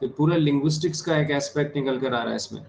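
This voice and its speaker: A man teaching an exam-prep class in Hindi and English. He dictates key terms slowly, repeats them and keeps checking that the class understands. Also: mid-range voice, vocal fry, a little mellow, a little hiss or hum, rough recording. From India. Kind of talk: online exam-prep lecture.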